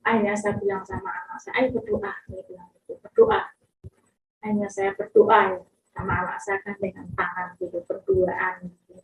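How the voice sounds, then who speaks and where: A woman's voice: mid-range voice, steady tone, fairly quick, gravelly, echoey room, low-quality recording. A middle-aged woman telling a personal testimony with emotion, often addressing listeners directly. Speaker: testimony speaker.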